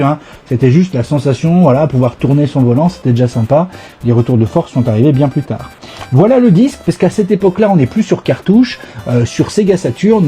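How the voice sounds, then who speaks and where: A man with a stuffy cold hosts a casual live gaming stream, talking playfully and nostalgically. His voice sits high for a man but is mellow and soft-edged. Faint music plays behind him. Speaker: host.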